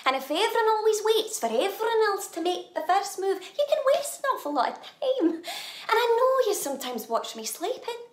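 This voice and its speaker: An actress with a Scottish accent performing a dramatic monologue as a nervous young woman who proposes to her flatmate, talking in a hesitant, halting way with nervous laughs. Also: very high-pitched, echoey room. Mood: nervous, hopeful. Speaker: actor.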